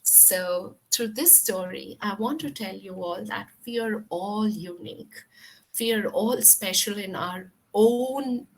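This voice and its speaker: A woman's voice: mid-range voice, takes it slowly, a little hiss or hum, poor audio. A woman speaking at a mental health session, telling a story in a chatty way with many fillers. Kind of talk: storytelling talk.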